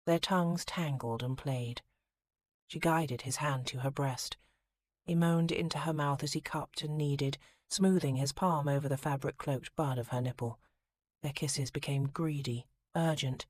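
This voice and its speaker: Low-voiced woman reading an audiobook. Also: dry recording. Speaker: audiobook narrator. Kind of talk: audiobook narration.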